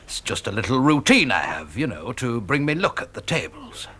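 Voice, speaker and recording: Brief: a plain-spoken punter, ordinary mid voice, homely. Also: male voice, mid-range voice, sing-song, normal speed, bright, forceful tone, slight background noise. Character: down-to-earth Yorkshire man, superstitious gambler. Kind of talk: 1970s TV whodunnit acting.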